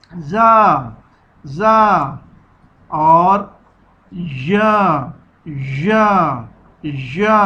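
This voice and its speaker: A man with a Pakistani Urdu accent leads a children's alphabet lesson, sounding out each letter with patient repetition. His voice sits high and bright, and he speaks very slowly. The recording is dull and lo-fi. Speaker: teacher.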